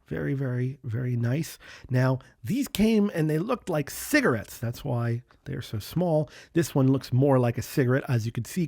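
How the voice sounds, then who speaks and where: A man's voice: medium pitch, dark tone, dry recording. Chatty man reviewing pens, dry close sound. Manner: enthusiastic, repeats words and restarts often. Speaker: channel host reviewing pens. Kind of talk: casual product review.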